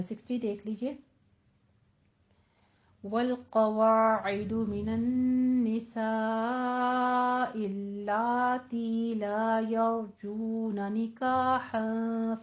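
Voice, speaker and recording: A woman teaching Quran recitation rules in a tajweed lesson, explaining slowly and drilling words over and over. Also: mid-range voice, mellow, highs cut off. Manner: slow, instructive, drills words repeatedly.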